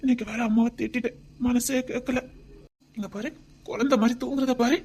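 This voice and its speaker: Homemade drama role: a doting young husband with a Tirunelveli accent, soft and coaxing, higher-pitched, played by a woman. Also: fairly even intonation, brisk, a little hiss or hum, close to an everyday voice. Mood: tender. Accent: Tirunelveli Tamil. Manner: tender, pleading, often near a whisper.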